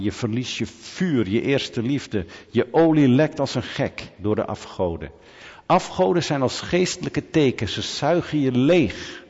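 A pastor preaching a sermon, telling lively stories with humorous asides and questions to the congregation. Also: male voice, mid-range voice, breathy edge, long reverb tail, highs cut off.

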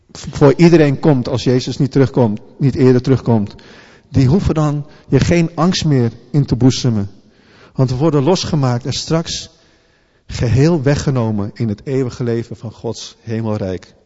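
A man preaching a sermon in an earnest, halting way, often restarting his words. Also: mid-range voice, dark tone. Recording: long hall reverb, dull lo-fi sound.

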